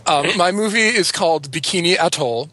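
A man's voice: a little high, lively intonation, a little fast, pushed and bright, no echo. A man on a podcast panel in casual chat, with dry, nerdy humor and chuckles mid-sentence.

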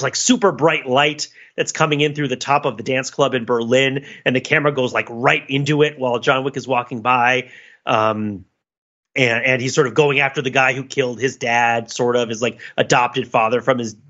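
In dull audio, a male podcast co-host with a medium-pitched, fairly bright voice talks through a film. His style is casual and analytical, rambling and digressive like an intellectual musing aloud.

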